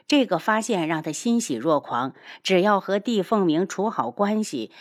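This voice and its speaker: A woman narrating a novel aloud in an expressive storytelling manner. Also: on the low side. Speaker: audiobook narrator.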